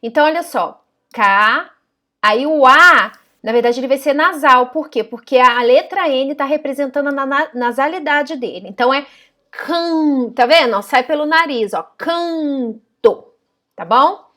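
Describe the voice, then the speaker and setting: A woman teaching a recorded grammar lesson, explaining step by step and slowly sounding out words. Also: high-pitched, bright, forceful tone. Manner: patient, explains step by step with frequent "tá?" and "ó".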